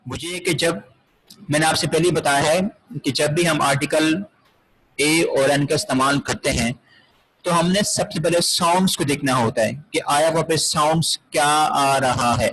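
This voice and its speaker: A man's voice: fairly high pitch, moderate pace, a bit bright, husky, rough recording. A man teaching an English grammar lesson, explaining step by step, repeating key words and asking rhetorical questions. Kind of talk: classroom grammar lecture.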